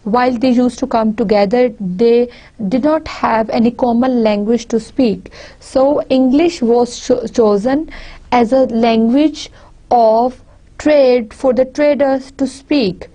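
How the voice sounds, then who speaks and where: A Pakistani woman, a native Punjabi speaker with a Pakistani accent, gives a recorded university lecture. Her voice is a little high and warm, and she speaks deliberately, often repeating and restarting phrases.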